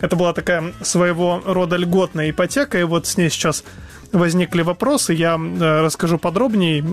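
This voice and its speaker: A man co-hosting a live radio news programme, presenting in a hesitant, halting way. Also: on the high side, no room sound. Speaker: radio co-host. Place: radio studio.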